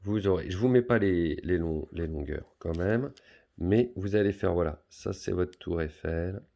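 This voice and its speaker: Gravelly-voiced French male teacher. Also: low voice, a little slow, warm tone. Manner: patient, talks pupils through each step, many fillers. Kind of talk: math lesson for pupils, explaining on a board.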